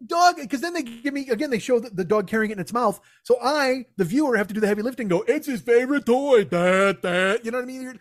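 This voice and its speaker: A man's voice: very high-pitched, racing, hardly any pauses, no echo, clean studio sound. A man hosting a comedy podcast, ranting sarcastically with plenty of swearing and mocking people in put-on voices. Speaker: podcast host.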